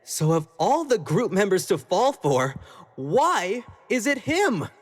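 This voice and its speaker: Exaggerated and slow, this man's high voice makes big pitch swings as he sounds scornful. He's roleplaying a jealous, obsessive young pop idol in a dramatic monologue, speaking intimately to the listener and moving between sweet pleading and chilly condescension.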